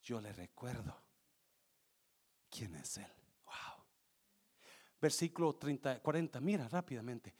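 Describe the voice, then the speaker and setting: A male pastor preaching a fervent sermon that swings between shouting and hushed tones. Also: on the high side.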